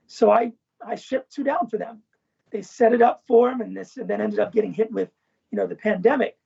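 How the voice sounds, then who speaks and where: Over a muffled video call, a former event manager and professor talks as an interview guest, his high voice steady, a little fast, husky and touched with vocal fry. He's casual and expansive, often capping his points with "right?" and "you know."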